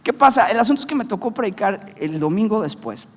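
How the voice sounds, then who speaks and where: Animated pastor man preaching. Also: high voice, brisk, big-room sound. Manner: animated, swings from hushed to shouting, jokes with congregation. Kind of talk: sermon with storytelling.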